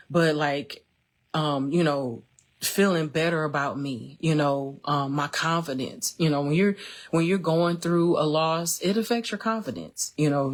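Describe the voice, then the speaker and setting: A woman, speaking casually and emotionally with many fillers as she hosts her own live stream. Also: deep voice. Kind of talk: personal testimony, casual talk.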